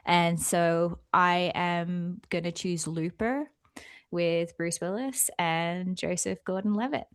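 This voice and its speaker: A woman's voice: fairly low pitch, fairly even intonation, slow, smooth, dry recording, clean studio sound. An Australian woman co-hosting a podcast, chatting casually about a film and laughing often. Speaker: podcast co-host.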